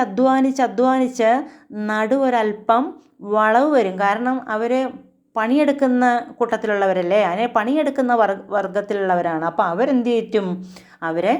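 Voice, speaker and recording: Malayali lady teacher going through a poem, reads slow then explains fast with lots of questions, middle pitch. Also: a little mellow. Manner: reads poem lines slowly, then explains in quick chatty bursts with rhetorical questions. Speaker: literature teacher. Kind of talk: explaining an English poem line by line.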